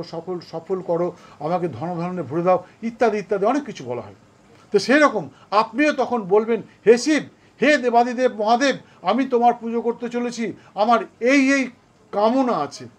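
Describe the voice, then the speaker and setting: High-voiced man teaching a ritual. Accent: Kolkata Bengali. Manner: slow, deliberate instruction with chanted prayers. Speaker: astrologer and puja teacher. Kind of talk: instructional demonstration of a ritual.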